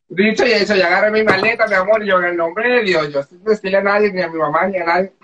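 A woman from Venezuela with a Venezuelan accent, telling her own story in casual chat, animated, laughing often and acting out the dialogue. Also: medium pitch, fast, highs cut off, noisy background. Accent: Venezuelan Spanish.

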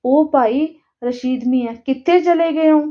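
A woman's voice: sits high, measured pace, lo-fi sound. Woman voicing Janta, a pleading grieving father. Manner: pleading, tearful.

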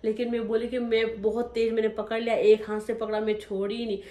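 A young woman tells her personal story straight to her viewers, emotional and vivid as she re-enacts each moment. Her voice sits a little high. The sound carries a roomy echo. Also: little pitch movement, fast, dark tone. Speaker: vlogger telling her life story.

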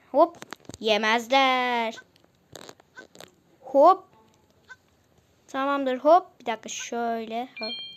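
A woman's voice: high-pitched, a little hiss or hum. A woman casually commenting on a mobile game as she plays, chatty and easily exasperated, often repeating herself.

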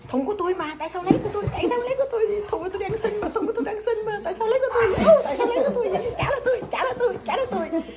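A woman's voice: very high voice, rapid-fire, few pauses, loud music behind the voice, voice pushed up. A woman voicing a hungry pet that begs and complains, in a plaintive, repetitive way. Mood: indignant. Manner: plaintive, complaining, repeating itself. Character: hungry whiny pet begging for food. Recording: loud background noise.

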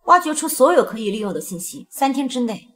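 A woman's voice: high voice, sing-song, quick pace. An actress playing a willful, scheming young woman in a short web drama, speaking with dramatic emphasis. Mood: determined, scheming.

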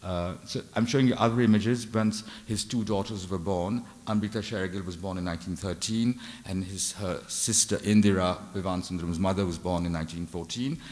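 An older man with a very low, darkish, steady voice gives an unscripted art history lecture with slides from a lectern mic, speaking fairly quickly with hardly any pauses. He's hesitant, constantly restarting phrases and filling gaps with "uh" and "you know", and a large lecture hall adds long reverb.

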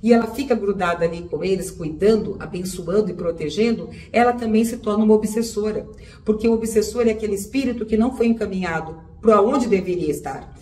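A woman's voice: mid-range voice, fairly quick, mellow. Woman giving spiritual advice in an echoey room. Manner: conversational, repeats phrases, often addresses listeners directly. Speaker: holistic therapist. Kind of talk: spiritual advice talk to viewers. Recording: roomy echo, voice a bit far from the mic, faint background noise.

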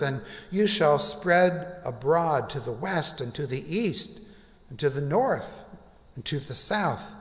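An older man gives a sermon at a church pulpit, with a somewhat high voice and a very slow, deliberate delivery full of pauses. His voice rings through a large sanctuary with a long echo. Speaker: pastor. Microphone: pulpit microphone. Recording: reverberant church hall.

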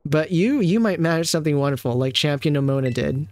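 A man's voice: fairly high pitch, expressive, quick pace, a little mellow, no echo, close to an everyday voice. A man reading a formal female league champion's lines aloud, with only a faint hint of a put-on Spanish accent. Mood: formal, gracious. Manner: reads the text aloud in a formal tone, hinting at a weak Spanish accent.

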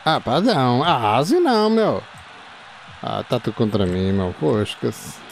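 Man in his fifties, excitable, shouts at the game, very lively pitch. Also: measured pace, gravelly, a little hiss or hum. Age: 50s. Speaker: gamer playing a football video game. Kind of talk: excited live game-playing commentary.

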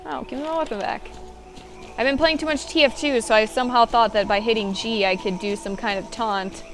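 A woman's voice: fairly high pitch, steady tone, fairly quick, soft background music. A woman giving casual, playful commentary on her own gameplay, swearing often and slipping into a sing-song voice. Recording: loud game noise behind.

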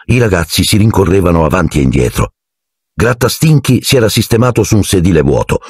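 A male audiobook narrator with a deep, husky voice. He reads expressively with a wide, lively melody, acting out each character. The sound is dry and close. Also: no echo.

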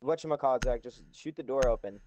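A man's voice: medium pitch, quick pace, crowd noise. A young man giving bossy, repeated callouts to teammates in a shooter game, full of frat-bro slang.

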